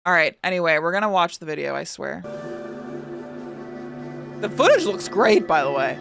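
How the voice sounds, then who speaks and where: A young adult woman streamer reacting in casual chat, excitable and swearing freely. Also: fairly low pitch, normal speed, vocal fry, music in the background.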